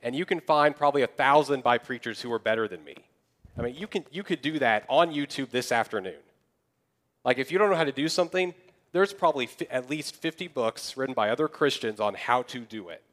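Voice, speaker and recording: A young man preaching a sermon as pastor, in a conversational way, acting out people's excuses in quick asides. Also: medium pitch, a bit bright. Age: young adult.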